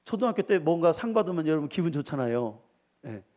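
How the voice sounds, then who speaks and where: Folksy middle-aged pastor preaching. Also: male voice, on the high side, sing-song, quick pace, warm tone. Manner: folksy storytelling, asks the congregation questions. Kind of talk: sermon.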